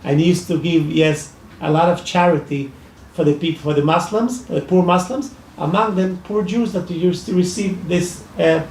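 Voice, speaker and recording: A gravelly-voiced Iraqi man with a fairly high, fairly even, slightly mellow voice gives personal testimony at a public discussion in a library event room. He speaks in Iraqi Arabic-accented speech, halting, with many restarts and fillers. The mic is far off in an echoey hall, with slight background noise.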